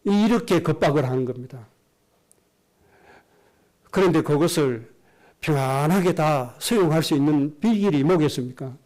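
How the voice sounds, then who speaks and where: A man's voice: a little high, animated, moderate pace, long pauses, darkish tone. A middle-aged man, preaching a sermon as pastor and telling a personal story in an earnest way. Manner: earnest storytelling, acts out quoted speech.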